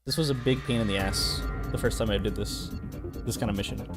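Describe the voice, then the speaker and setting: A man's voice: on the low side, fairly quick. A young man streaming a video game, rambling in casual commentary, laughing often and swearing casually. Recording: game music playing behind.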